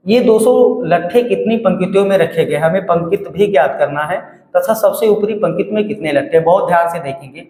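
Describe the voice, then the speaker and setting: A man's voice: high voice, a little mellow. A man teaching a maths lesson, who keeps asking questions and answering them himself and repeats the numbers. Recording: echoey room with long reverb.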